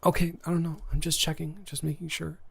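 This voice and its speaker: A man's voice: fairly high pitch, little pitch movement, fast, gravelly, husky. A man performing a romantic audio role-play as an anxious, shy new boy at school who stammers and restarts his sentences nervously.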